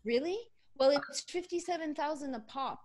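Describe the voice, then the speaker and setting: A woman being interviewed as a guest, talking bluntly and animatedly with quick asides. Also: high voice, a crowd in the background. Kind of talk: casual conversational interview.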